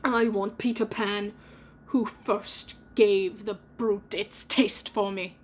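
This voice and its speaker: A woman voicing a menacing one-handed male pirate captain who talks darkly, slowly and in a hoarse whisper in a storybook reading. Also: mid-range voice, fairly even intonation. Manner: dark, brooding, slow, growling and whispery.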